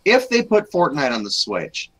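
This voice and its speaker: A man's voice: fairly high pitch, wildly swooping pitch, moderate pace, fairly bright tone, low-quality recording. A young man co-hosting a casual gaming chat, rambling with many restarts. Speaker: podcast co-host.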